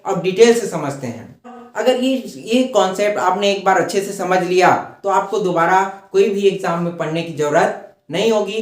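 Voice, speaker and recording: Guy teaching grammar, kinda high voice, keeps repeating stuff n answering his own questions, roomy echo. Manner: repeats each point and asks questions he then answers. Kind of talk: explaining a grammar lesson.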